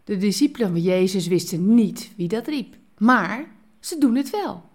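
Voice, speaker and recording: A woman hosts a devotional podcast in a mid-range voice at a measured pace, speaking expressively as she shifts between lively and hushed phrasing. She ends with a prayer.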